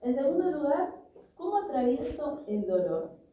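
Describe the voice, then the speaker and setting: A woman's voice: high-pitched, very animated, moderate pace, dark tone. A woman preaching a sermon, earnestly telling a personal story and reading scripture. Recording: echoey room, voice from a distance.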